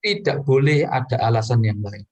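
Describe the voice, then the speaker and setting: A man's voice: lively intonation, normal speed. A man preaching in a personal testimony, telling his story earnestly to the congregation and addressing them directly. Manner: earnest storytelling with sudden pitch rises.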